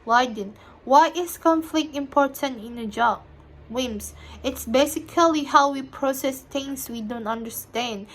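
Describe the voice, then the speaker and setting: A young woman student reading an interview transcript aloud for a class task, halting and restarting often. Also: sits high, fairly bright tone.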